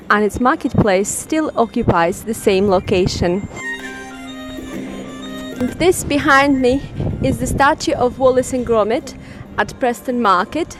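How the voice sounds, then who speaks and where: High-voiced woman narrating over music. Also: low-quality recording. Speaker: vlogger and narrator. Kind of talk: scripted travel narration.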